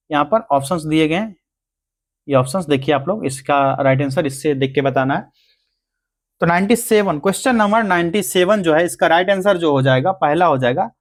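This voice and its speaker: A man teaching a grammar lesson for exam prep, going through answers step by step and answering his own questions. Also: on the high side. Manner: explains answers step by step, asking and answering himself.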